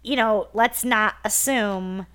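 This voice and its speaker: A woman's voice: mid-range voice, takes it slowly, clean tone. A woman co-hosting a podcast, chatting casually and sarcastically as she recaps a sitcom episode. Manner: animated, sarcastic, quotes characters. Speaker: podcast co-host.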